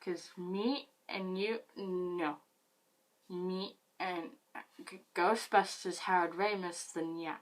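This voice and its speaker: A woman acting out her drunk younger self: slow, emphatic and insistent, repeating herself. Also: on the low side, fairly even intonation. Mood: stern.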